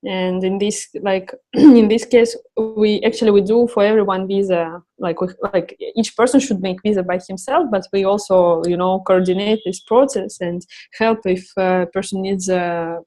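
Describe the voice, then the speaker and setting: A woman's voice: medium pitch, fairly even intonation, normal speed, warm tone, low-quality recording. A woman, founder of a travel project, answering interview questions while her voice is giving out; she searches for words, with frequent fillers and restarts. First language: Russian. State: losing her voice.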